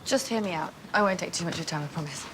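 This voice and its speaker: A woman's voice: on the low side, rapid-fire, very noisy, lightly acted. Earnest, determined young junior doctor played by a woman. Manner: earnest, insistent. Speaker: actor in a hospital drama. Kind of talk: scripted TV drama dialogue.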